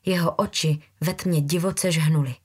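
A woman reading a novel aloud as an audiobook narrator, in a steady dramatic telling. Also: sits low, breathy edge. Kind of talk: scripted narration.

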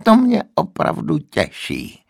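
A wheezing, cracked-voiced old man grumbles and complains in a peevish, pitched-up voice, as a male reader puts him on. The grit in his throat comes through clearly. The sound stays dry and close, like a storybook reading. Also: huge pitch swings, dry recording, full character voice. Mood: sarcastic. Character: grumpy wheezing old man, newborn in body.

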